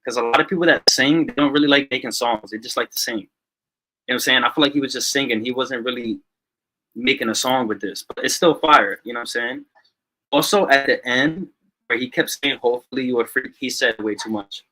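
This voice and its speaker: A man's voice: mid-range voice, brisk, bright, forceful tone, poor audio. A man giving loose, chatty feedback on a song during an online review stream. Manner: loose and chatty, leans on "you know what I'm saying". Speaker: music reviewer. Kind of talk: casual review chat on a live stream. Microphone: online call.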